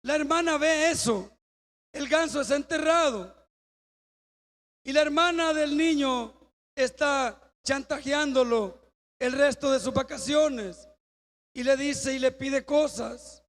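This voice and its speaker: A man preaching a sermon, telling a story and acting out its dialogue with bursts of shouting. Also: very high voice, takes it slowly, long pauses. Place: church.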